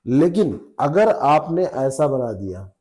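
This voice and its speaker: A man's voice: medium pitch, big pitch swings, slow, darkish tone. A man teaching spelling rules to exam students, repeating each rule patiently and checking with the class. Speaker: Hindi exam tutor.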